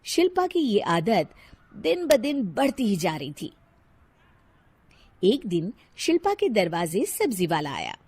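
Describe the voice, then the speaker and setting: A woman narrating an animated cartoon story in a lively, expressive way. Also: medium pitch, takes it slowly, pauses often, slightly rough.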